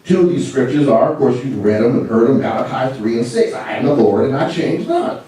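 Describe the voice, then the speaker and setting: A man preaching a sermon in an animated, mocking way, with laughing asides. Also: medium pitch, brisk. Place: church sanctuary. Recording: echoey church from far off with congregation.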